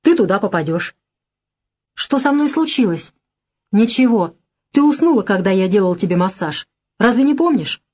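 A woman's voice: medium pitch, very animated, moderate pace, long pauses, darkish tone. A woman reading the part of a tense, bitter young man who speaks in a strained, raised voice. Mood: angry.

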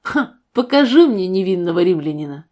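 A woman's voice: fairly low pitch, very animated, normal speed, a little mellow. A woman voicing a hot-tempered young man. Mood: scornful. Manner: heated, argumentative.

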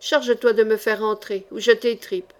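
A woman's voice: on the high side, fairly even intonation, normal speed, natural voice. A woman reading the part of an ironic, fearless male chevalier, with a dry, mocking delivery that turns threatening. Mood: urgent. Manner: dry, mocking, then menacing.

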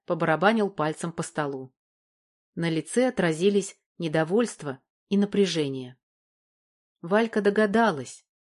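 Woman narrator, lower voice, audiobook, even, measured storytelling. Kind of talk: scripted narration.

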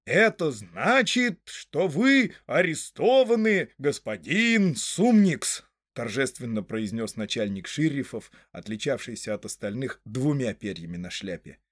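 A man's voice: medium pitch, very animated, measured pace, few pauses, fairly bright tone. A man voicing a pompous male hobbit chief of the guards in a storybook reading, solemn and drawn out.

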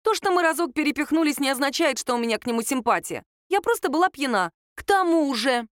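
A woman's voice: high voice, expressive, fast, dry recording, clean studio sound, voice pushed up. A woman doing Lera, a brash exasperated young woman. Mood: protesting. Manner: blunt, exasperated, rude outbursts. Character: young woman, brash, anxious, sharp-tongued.

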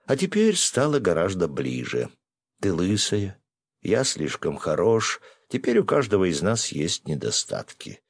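A man's voice: sits low, wildly swooping pitch, a little slow, creaky, no room sound, studio quality, heavily acted. A man voicing a teasing, tender young merchant who jokes playfully with the woman he loves.

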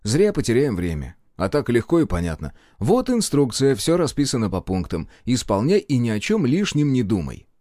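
A man's voice: medium pitch, huge pitch swings, normal speed, hardly any pauses, warm tone, no echo, clean studio sound. A man reading a cheeky earnest young man. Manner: earnest, defensive, casual. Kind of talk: audiobook character voice.

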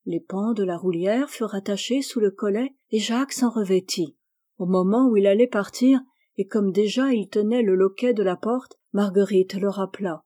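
Woman storyteller, measured and gentle, warm dark-leaning voice for a read-aloud tale. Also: medium pitch. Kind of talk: scripted story narration.

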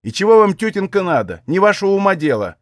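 A man's voice: sits high, expressive, a little fast, no echo, studio quality, pitched above the performer's own voice. A man voicing a passionate young Cossack woman who speaks urgently and snaps back. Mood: snappish. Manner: urgent, snappish.

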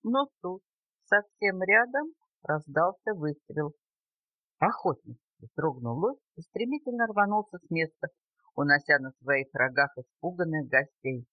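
An older woman reading a children's story aloud for her grandson, expressive and lilting, recorded at home on cassette tape. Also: deep voice, unhurried, dry recording, phone-quality sound.

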